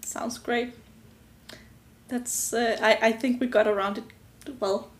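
A woman's voice: a little high, level tone, slow. A young woman co-hosting a podcast, chatting casually, giggly and stumbling over words. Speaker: podcast co-host.

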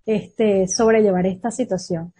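A woman's voice: medium pitch, steady tone, measured pace, warm tone, husky. A woman interviewer asking questions and responding supportively in formal phrasing.

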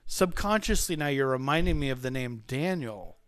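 Male podcast host, medium pitch, rambling casual chat, dry close sound. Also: normal speed, smooth, no echo. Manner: rambling, self-interrupting, animated.

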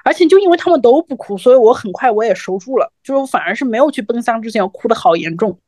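Thirties woman cohost telling a story, bit high voice, dry sound. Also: animated, very fast, warm tone, no room sound. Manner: conversational storytelling, reflective. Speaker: podcast co-host. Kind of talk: podcast conversation.

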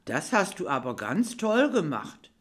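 A woman's voice: fairly low pitch, big pitch swings, measured pace, breathy edge, heavily acted. Jolly old Saint Nicholas, kindly and encouraging, storybook style, voiced by a woman. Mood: praising. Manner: friendly, praising.

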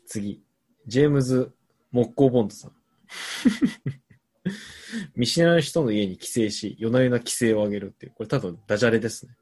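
A young adult man hosting a casual comedy chat, reading out listener answers and spinning playful, deadpan absurd riffs. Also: mid-range voice, a little fast, pauses often. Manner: playful, riffing on jokes with deadpan absurd claims.

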